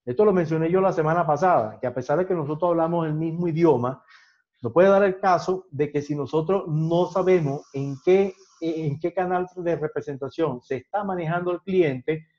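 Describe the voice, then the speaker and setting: A man's voice: fairly high pitch, warm tone. A man lecturing a sales training class, constantly checking in with his students by asking "ok?" in a conversational teaching manner. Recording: dull lo-fi sound.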